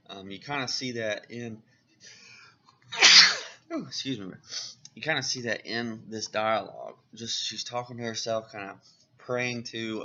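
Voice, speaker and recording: A man's voice: lowish voice, bright, forceful tone, slight background noise. A man casually reviewing comic books on a vlog, who talks in an enthusiastic, rambling way with many fillers, on a dull lo-fi recording.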